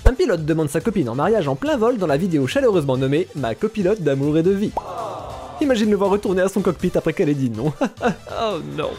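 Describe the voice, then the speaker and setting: A man doing comedic voice-overs of translated memes, switching quickly between joke voices. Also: high-pitched, faint music behind. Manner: fast, animated, jumping between joke voices. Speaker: meme dubber. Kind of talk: comedic meme voice-over.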